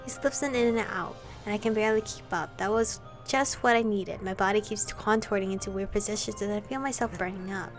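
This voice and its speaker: A woman's voice: mid-range voice, fairly quick, hardly any pauses. A young woman streamer reading a romance game's text aloud, playful and prone to flustered asides. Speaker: game streamer reading a visual novel. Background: faint background music.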